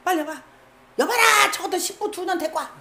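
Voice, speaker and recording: An angry, hot-tempered king barks gruff orders and threats, played by a woman preacher. Her voice stays fairly high even in the role. It echoes in a roomy space. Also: a little fast, full character voice. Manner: gruff barking commands.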